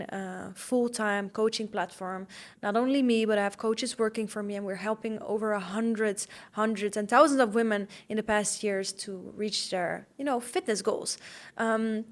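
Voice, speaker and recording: In her first podcast episode, a young woman with a slight Dutch accent and a mid-range voice talks solo, candidly and a bit nervously, using fillers.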